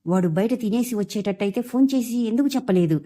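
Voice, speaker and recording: A woman's voice: mid-range voice, animated, quick pace, close to an everyday voice. A woman voicing an angry young husband who scolds his family for wasting his wife's cooking. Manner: scolding, shouting.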